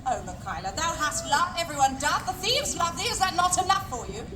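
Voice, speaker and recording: Stately, gracious monarch, very high register, thee-and-thou Renaissance faire speech, live outdoor stage, recorded from afar. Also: female voice, very animated, brisk. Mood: gently chiding. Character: stately, gracious Queen Elizabeth of England. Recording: echoey outdoor arena, distant mic, noisy crowd.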